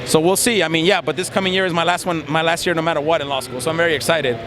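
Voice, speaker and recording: A fairly high-pitched Mexican man in his twenties rattles off his answers in a steady tone during a casual interview outdoors, with noise around him. A competitive gamer and law student, he is earnest and reflective and leans heavily on fillers.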